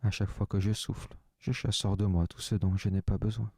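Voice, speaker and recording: A man leading a guided relaxation session, speaking slow, soft, calm instructions in the first person. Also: fairly low pitch, no room sound.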